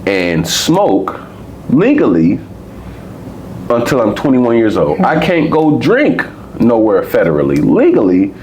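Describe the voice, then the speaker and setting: A man's voice: mid-range voice, huge pitch swings, takes it slowly, darkish tone, a little hiss or hum. An American man in his twenties or thirties, co-hosting a podcast, rambling and profane in casual conversation. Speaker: podcast co-host.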